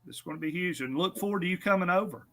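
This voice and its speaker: In a casual on-air interview, a drag strip guest chats about his racetrack, coming across as easygoing, self-deprecating and friendly. His voice is high-pitched and a bit bright, and he speaks in rapid-fire bursts.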